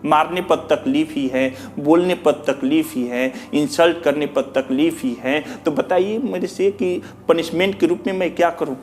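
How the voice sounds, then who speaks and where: Man, teacher addressing students, earnest, rhetorical, slightly raised pitch. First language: Bhojpuri. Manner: earnest, repetitive, rhetorical questions, mixes in English. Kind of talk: addressing students, reading out feedback.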